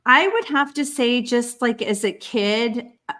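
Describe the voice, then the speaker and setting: A woman guest on a podcast, answering in a relaxed, hesitant way with many fillers. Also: on the high side, measured pace. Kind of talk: casual interview answers.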